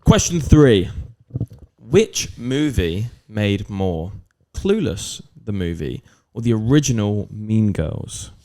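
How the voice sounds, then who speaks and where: A man's voice: on the low side, very animated, slow pace, mellow. A man co-hosting a podcast, running quiz questions and chatting in a friendly, encouraging way. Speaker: co-host.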